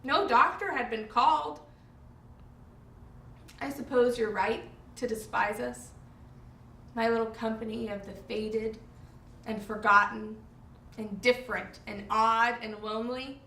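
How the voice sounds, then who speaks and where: Woman doing a tragic stage heroine, lonely and bitter, sorrowful, high sharp voice, far from the mic. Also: expressive, takes it slowly, slight background noise, heavily acted. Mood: accusing. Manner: theatrical, sorrowful, bitter, swinging from outburst to hush. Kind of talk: dramatic stage monologue. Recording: echoey room, distant microphone.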